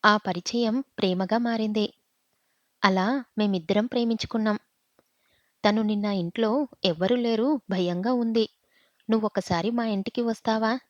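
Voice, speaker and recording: A woman's voice: fairly high pitch, dry recording, close to an everyday voice. A woman voicing a grieving young man, tearful and pleading, in a dull, dry recording.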